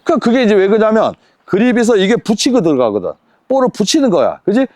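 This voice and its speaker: High, lively tennis coach with a dry sound. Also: male voice, quick pace, dry recording. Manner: drills with counts, rhetorical questions, commanding. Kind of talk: on-court tennis lesson.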